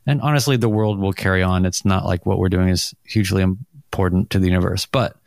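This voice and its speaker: A man's voice: low voice, brisk, creaky, darkish tone, no room sound, clean studio sound. A middle-aged man hosting a casual podcast chat, rambling and self-deprecating, laughing often, on a mic over a video call. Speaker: podcast host.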